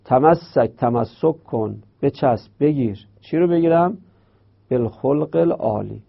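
A man's voice: medium pitch, creaky, breathy edge. A man teaching Arabic grammar, explaining step by step and repeating and drawing out terms. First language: Persian. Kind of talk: explanatory lesson. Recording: dull lo-fi recording.

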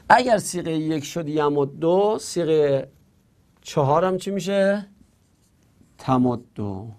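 A man's voice: on the high side, a little mellow. A man teaching an Arabic grammar lesson, explaining step by step and answering his own questions.

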